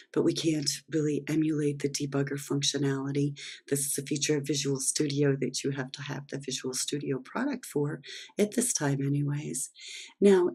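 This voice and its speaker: A programming instructor, hoarse and losing their voice, guides viewers step by step through a screen-recorded coding lesson, speaking in a dark, mid-range voice.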